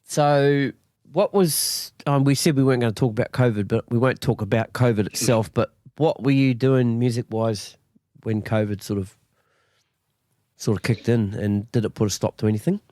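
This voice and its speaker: A man's voice: mid-range voice, steady tone, normal speed, darkish tone, no echo, clean studio sound. A man with a broad New Zealand accent hosting a casual, matey chat interview in an encouraging, laid-back way. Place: at home on a remote call.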